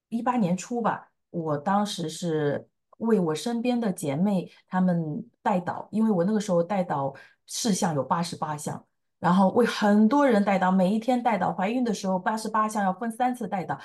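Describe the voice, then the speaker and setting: A woman in her thirties giving an earnest personal faith testimony, halting often with fillers as she recalls events. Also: medium pitch, darkish tone. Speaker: testimony speaker. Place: lives in the United States.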